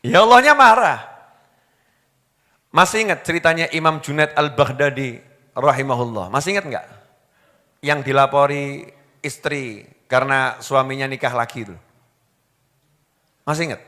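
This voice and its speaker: A man's voice: medium pitch, moderate pace, long pauses, bright, forceful tone. A man with a Javanese Indonesian accent preaching a humorous sermon, acting out quoted husbands and wives and putting questions to his audience. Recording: reverberant hall.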